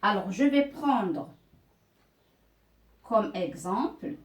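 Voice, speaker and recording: A woman teacher leads a beginner reading lesson, patiently spelling out letters and syllables one at a time. She talks very slowly, with a lively, somewhat high voice. She sounds set back from the mic in a roomy, echoing space. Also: far from the mic.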